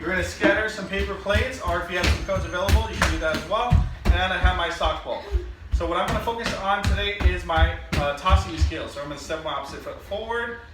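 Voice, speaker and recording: Brief: high-voiced, breathless PE teacher, a man cheering on a workout and explaining a game, recorded from far off in an echoey space with music under him. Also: fast. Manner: upbeat, encouraging, instructive. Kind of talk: energetic workout coaching and lesson explanation.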